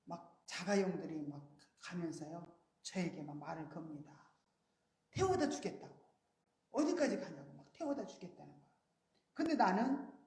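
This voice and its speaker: A woman preaching a sermon, telling a story earnestly and rising high on her emphasized words. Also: warm tone, reverberant. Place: church sanctuary.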